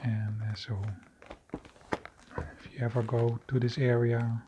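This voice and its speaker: A man narrating his own cave footage in an unscripted voice-over, slow and halting with many fillers and restarts. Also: mid-range voice, monotone, noisy background. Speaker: video creator exploring a cave.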